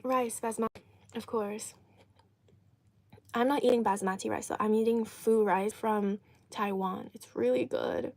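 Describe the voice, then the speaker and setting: A woman's voice: mid-range voice, fairly even intonation, a little slow, pauses often, darkish tone. A woman live streaming an eating show, chatting casually and answering viewers while chewing and talking with food in her mouth.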